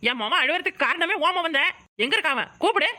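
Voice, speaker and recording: A hot-tempered village mother from a cartoon, voiced by a woman, with a Kanyakumari Tamil accent. She scolds in a high, bright voice at a quick clip, loud and quarrelsome. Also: animated, no room sound, studio quality, full character voice. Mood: quarreling. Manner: shouting, scolding. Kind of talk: cartoon voice acting.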